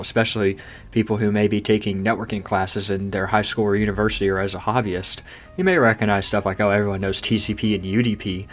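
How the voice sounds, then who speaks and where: A man's voice: fairly low pitch, fairly bright tone. A man hosting a tech channel through a voice changer that makes him sound synthesized and robotic, walking through a screen casually and asking rhetorical questions. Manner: chatty, rhetorical questions, amused at obscure jargon. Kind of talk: casual technical screen walkthrough.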